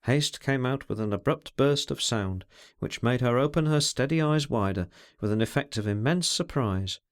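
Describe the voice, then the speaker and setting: A man narrating a classic novel in a steady, expressive literary reading style. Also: mid-range voice, normal speed, dry recording, clean studio sound. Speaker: audiobook narrator.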